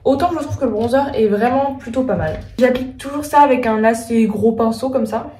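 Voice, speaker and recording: A woman's voice: fairly high pitch, a little fast, dark tone. A woman doing a casual makeup tutorial, chatting as she goes with lots of hesitant fillers. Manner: chatty, frequent filler "euh", thinking aloud. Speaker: beauty vlogger. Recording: echoey room, voice a bit far from mic.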